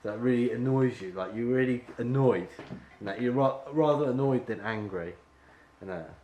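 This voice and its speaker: A man's voice: mid-range voice, normal speed, a little mellow, a little hiss or hum. A man directing an actor at an audition, rambling and full of fillers as he explains the scene. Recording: echoey room with faint ambience.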